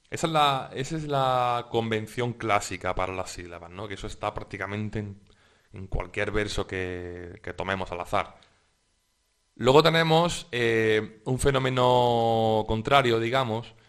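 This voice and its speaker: A man's voice: fairly low pitch, a bit bright. A man teaching a lesson on verse metrics, explaining step by step with frequent restarts and checking tags. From Spain. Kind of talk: exam-prep lecture.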